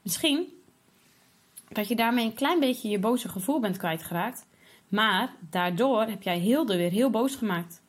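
A woman voicing a patient, firm mother who gently explains a lesson in a children's story. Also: a little high, expressive, unhurried, husky. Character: calm, patient, wise mother.

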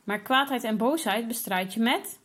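A woman voicing a patient, firm mother who gently explains a lesson in a children's story. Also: on the high side, expressive, moderate pace, husky. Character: calm, patient, wise mother.

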